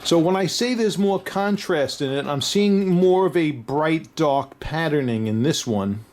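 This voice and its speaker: Chatty New York man, fairly high voice. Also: lively intonation, unhurried, darkish tone. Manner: chatty, chuckling, loose and unscripted. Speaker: diamond dealer. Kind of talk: casual product review vlog.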